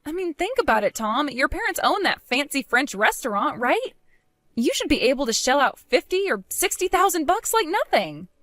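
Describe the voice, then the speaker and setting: A woman's voice: high-pitched, very animated, normal speed, fairly bright tone, no echo, clean studio sound. A woman voicing a scheming, unfaithful young wife who coaxes and pleads to get her way. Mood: coaxing. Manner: pleading, coaxing.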